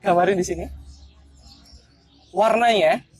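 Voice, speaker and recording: A man's voice: high-pitched, a little slow, faint music behind. Playful young man doing street magic. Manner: playful, teasing, chatty with strangers. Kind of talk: casual street performance patter. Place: outdoors in a city park.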